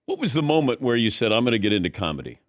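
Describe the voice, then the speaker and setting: A middle-aged male host asking questions in a relaxed, curious manner. His pitch moves around a lot, and the sound is dry and close. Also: racing, no room sound. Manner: curious, easygoing, laughs along. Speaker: sports talk show host. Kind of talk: casual interview questions.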